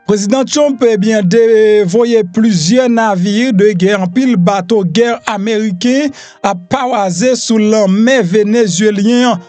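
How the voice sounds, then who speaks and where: A man's voice: high-pitched, takes it slowly, darkish tone, no echo, faint music behind. A Haitian man hosting a news rundown, reading headlines loosely with frequent fillers. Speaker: news host.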